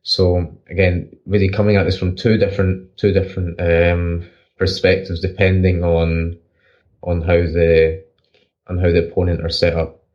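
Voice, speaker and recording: A man co-hosting a podcast, explaining football tactics in rapid bursts with frequent restarts. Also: low voice, flat delivery, muffled recording. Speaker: podcast co-host, football analyst. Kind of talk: casual analytical chat.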